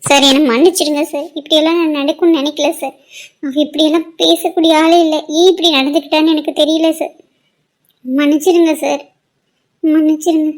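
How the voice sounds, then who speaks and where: A woman voicing a gentle young woman in a cartoon drama who apologizes politely and respectfully. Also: high voice. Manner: polite, apologetic, keeps saying sir.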